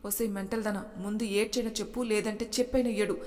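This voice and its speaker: A woman's voice: mid-range voice, steady tone, quick pace, darkish tone, lightly acted. Woman playing a bossy, teasing girlfriend, storybook reading, echoing hall. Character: young woman friend, teasing and caring.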